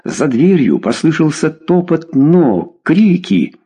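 A man narrating a crime novel as an audiobook, reading in an expressive, dramatic way. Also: a little high, takes it slowly, breathy edge.

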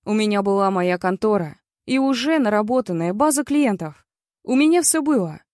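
A woman's voice: medium pitch, expressive, normal speed, a little mellow, dry recording, studio quality. A woman narrating a first-person story in a blunt, bitter and crude way. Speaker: audiobook reader.

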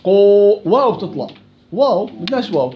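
A man teaches recitation in a classroom. He corrects his students, repeating single syllables to show each sound and drawing verses out slowly. The recording is dull and lo-fi, with faint noise behind him. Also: high-pitched, very animated. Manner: slow, drawn-out recitation of verses. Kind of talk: tajweed lesson with students.

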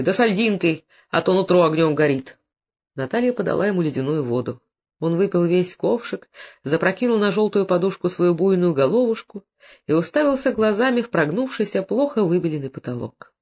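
Animated male audiobook narrator. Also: high-pitched. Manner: dramatic, animated storytelling. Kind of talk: expressive literary narration. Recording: dull lo-fi recording.

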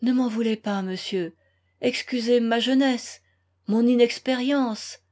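A woman's voice: on the high side, unhurried, a little mellow. A woman reading a composed young woman who coolly and formally turns down a suitor. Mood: cold. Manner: cool, formal, restrained.

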